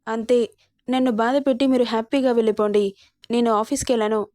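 A coaxing, sulky young wife, as a woman narrator puts her on, pleading softly with her husband. The voice sits fairly high, and the recording is dry and close, with no room sound. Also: fairly even intonation, fast, dry recording, close to an everyday voice.

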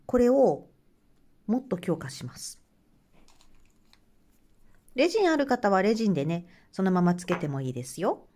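Lively mellow woman chatting while crafting. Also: medium pitch, normal speed, long pauses. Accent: Hokkaido Japanese. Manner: chatty, laughs often, murmurs to herself while working. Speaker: craft channel host. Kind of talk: casual craft tutorial chat.

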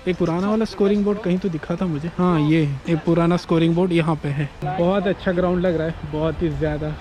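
A young man with a high, light voice walks through city streets and talks into a phone held at arm's length. He chats and explains the sights around him in an easy way. Music plays clearly behind him. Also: steady tone, fast talker. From India. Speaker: vlogger. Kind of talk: casual walking travel vlog. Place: outdoors on city streets and in a stadium. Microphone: phone camera at arm's length. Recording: background music under the voice.

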